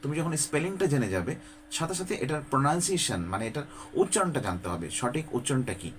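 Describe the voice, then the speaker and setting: A man's voice: fairly high pitch, big pitch swings, fast, slight background noise. Bangladeshi man coaching English, chatty. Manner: conversational, addresses viewer directly with frequent rhetorical questions; mixes English words and phrases into his talk. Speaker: English teacher. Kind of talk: informal spoken-English lesson.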